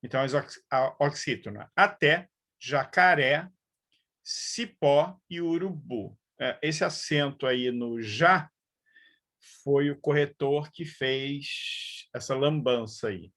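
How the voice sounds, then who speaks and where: Slow, patient teacher, a man. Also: mid-range voice, fairly bright tone. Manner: slow, patient explaining with frequent fillers and check-ins. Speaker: Portuguese grammar teacher. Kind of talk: live online lesson.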